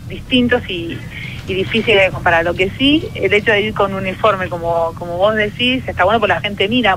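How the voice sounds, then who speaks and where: An Argentine sociologist who also plays field hockey answers a radio interview earnestly and thoughtfully, restarting often and using many fillers. Her medium-pitched, slightly bright voice has an Argentine Spanish accent, and the low-quality recording carries some hiss or hum.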